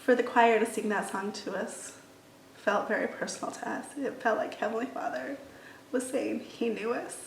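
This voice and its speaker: A middle-aged woman recalls a family moment in an earnest, emotional testimony. Her voice sits a little high with a gravelly edge. She sounds set back from the mic in a roomy space. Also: fairly even intonation, normal speed, slight background noise. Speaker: mother. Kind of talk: personal testimony interview. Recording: roomy, slightly distant mic.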